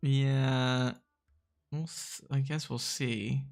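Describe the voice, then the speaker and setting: Gravelly, easygoing male game streamer. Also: mid-range voice, little pitch movement, extremely slow, faint music behind. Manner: easygoing, chuckling, hesitant with many fillers. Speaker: game streamer playing the strategy game. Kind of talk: casual live-stream gameplay chat.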